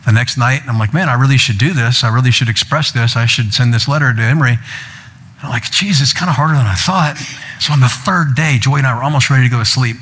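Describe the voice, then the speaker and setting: An older man delivers a sermon as a pastor, moving into storytelling and briefly acting out family members in higher, playful voices. His voice is slightly husky at a middling pitch. The long reverb of a large hall trails every phrase. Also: a bit bright.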